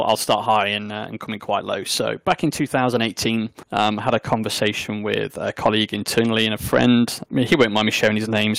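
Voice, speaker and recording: A man's voice: on the low side, gravelly, a bit bright, no room sound. A man with an East Midlands accent from South Derbyshire, chatting casually in a wry, self-deprecating way. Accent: East Midlands English, South Derbyshire. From English Midlands, South Derbyshire. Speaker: guest, network engineer. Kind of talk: casual chat.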